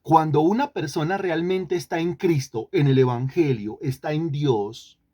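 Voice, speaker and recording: A man's voice: fairly high pitch, measured pace, mellow. A man teaching an online Bible lesson, often repeating himself and putting questions to the students. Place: online class.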